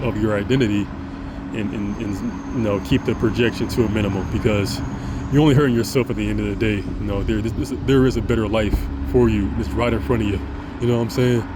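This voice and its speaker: This is an earnest, rambling to-camera monologue by a deep-voiced male vlogger who restarts and stammers a lot. The recording is very noisy.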